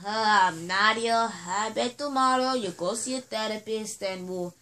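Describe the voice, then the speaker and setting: Woman voicing a weary cartoon brother, exasperated, grumbling, slow-talking. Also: mid-range voice, pushed and bright, pitched below the performer's own voice. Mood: irritated. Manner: exasperated, sighing "jeez". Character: weary grumbling brother, annoyed at being woken.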